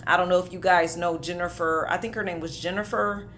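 A woman's voice: on the low side, steady tone, fairly quick, a bit bright, a little hiss or hum. A woman, preaching a prophetic sermon with emphatic conviction and casual asides. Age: 30s. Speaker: minister.

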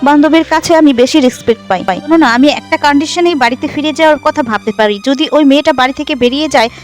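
A woman's voice: high voice, very fast, faint music behind, close to an everyday voice. A woman voicing a stubborn young man who refuses to come home. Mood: defiant.

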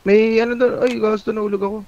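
High-voiced man mumbling gameplay asides. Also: flat delivery, fast, warm tone, no room sound, highs cut off. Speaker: teammate. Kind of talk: casual gameplay chat.

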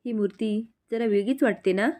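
A woman's voice: fairly high pitch, normal speed, dark tone, natural voice. A woman voicing a sulky young woman who snaps at her brother. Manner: sulky, snapping. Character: young woman, sulky, sharp-tongued sister.

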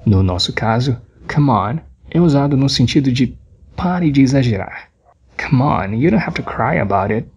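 A man with a Brazilian Portuguese accent teaching English, slowly repeating phrases to drill their pronunciation. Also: mid-range voice, expressive, a little mellow, lo-fi sound, slight background noise. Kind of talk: scripted language lesson.

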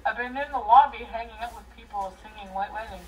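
In a low-quality recording made far from the mic, a drunk woman in her thirties talks fast in a fairly high voice, casually swearing and rambling to livestream viewers. She is in a small bedroom indoors, emotional and unstable, alternating between crying, laughing and shouting.

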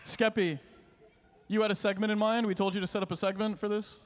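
A man in his twenties co-hosting a podcast live on a convention stage, teasing the guests in quick banter on a handheld mic. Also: high-pitched, little pitch movement. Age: 20s. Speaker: podcast co-host. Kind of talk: casual chat on a live stage.

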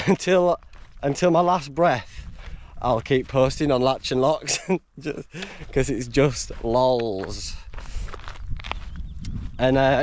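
A male hiking vlogger, camera at arm's length, talks casually and recaps his map outdoors on a country road and moorland during a long hike. Tired and rambling, he laughs a lot; his pitch is medium, with slight background noise.

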